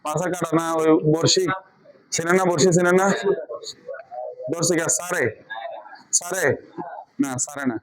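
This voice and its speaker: A man's voice: fairly high pitch, steady tone, moderate pace, long pauses, crowd noise. Man teaching Arabic letters to a noisy class. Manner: patient, quizzing students with repeated questions. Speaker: Quran reading teacher. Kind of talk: online class lesson.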